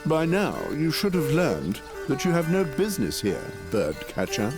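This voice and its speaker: A man voicing a scornful game character who rebukes an outcast, over soft game music. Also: a little high, wildly swooping pitch, normal speed. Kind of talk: voiced video game dialogue.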